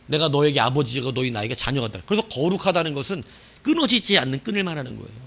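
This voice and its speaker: Animated Korean man preaching a sermon. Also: medium pitch, quick pace, creaky. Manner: asks the congregation questions and answers them himself; swings from loud bursts to quiet trailing phrase endings. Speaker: pastor.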